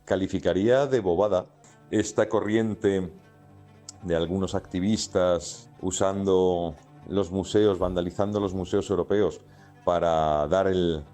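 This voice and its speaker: A man being interviewed, with a very low, dark voice, speaking dismissively and stopping to search for words. Faint music plays under him. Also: fairly even intonation. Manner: dismissive, halting. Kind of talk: interview clip.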